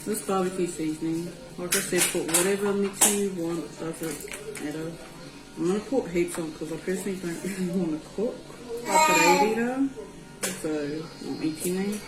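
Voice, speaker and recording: A woman with a New Zealand Māori accent presents a recipe as a home cook, giving a relaxed, informal cooking tutorial sprinkled with Māori words. Her voice is on the low side at a normal speed, and the recording has a roomy echo with music playing behind.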